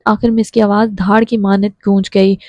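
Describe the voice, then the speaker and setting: Woman narrating a novel, mellow dry voice. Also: mid-range voice, little pitch movement, brisk, dry recording, highs cut off. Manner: reads all characters' dialogue with little change of voice. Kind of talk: scripted audiobook narration.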